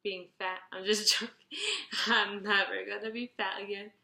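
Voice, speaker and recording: Bright, chatty young woman in her twenties. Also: mid-range voice, flat delivery, normal speed, vocal fry, reverberant. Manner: chatty, rambling, restarts and fillers, reads questions out brightly. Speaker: beauty vlogger. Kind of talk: casual Q&A tag video.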